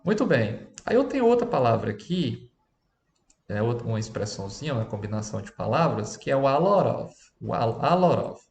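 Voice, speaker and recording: Brazilian man, English teacher, lively intonation, chatty, checks in with class, echoey room. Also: medium pitch, brisk, gravelly. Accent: Brazilian Portuguese. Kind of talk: teaching a lesson.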